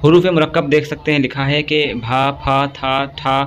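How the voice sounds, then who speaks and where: A male teacher giving an exam-prep grammar lesson. He recites long lists item by item at an even pace and keeps checking in with a quick "okay". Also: a little high, heavy background noise.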